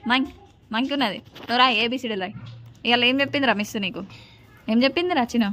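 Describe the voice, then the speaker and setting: Brisk, bossy mother vlogging. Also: a little high, sharp tone, faint music behind. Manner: scolding, bossy with children. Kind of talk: casual home vlog. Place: home. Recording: noisy home recording.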